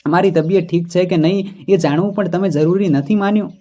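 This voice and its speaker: A man voicing a stubborn, quick-tempered young wife who speaks sharply and indignantly. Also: high voice, dark tone.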